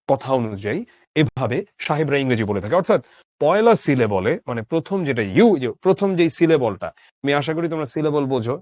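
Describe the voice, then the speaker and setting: A man's voice: fairly high pitch, no room sound. A young adult man teaching a literature lesson to exam students, rereading each line of the text and rephrasing it in simple words, with emphatic rises and drops on key words.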